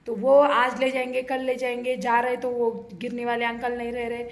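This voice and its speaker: A woman in her thirties narrating a family outing in a chatty, storytelling vlog style, pausing often with fillers. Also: a little high, little pitch movement. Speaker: family vlogger.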